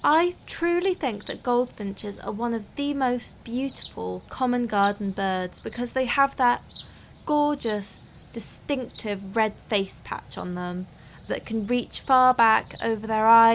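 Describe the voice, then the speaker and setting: A woman's voice: on the high side, slight background noise. A woman presenting a nature radio show, describing birds with admiration in scripted narration.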